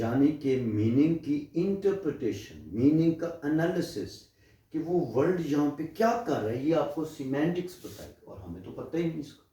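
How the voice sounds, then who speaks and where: A man's voice: mid-range voice, dark tone. A man giving a classroom lecture on linguistics. He explains step by step, asks rhetorical questions and slips into English phrases. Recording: very echoey room, mic far off.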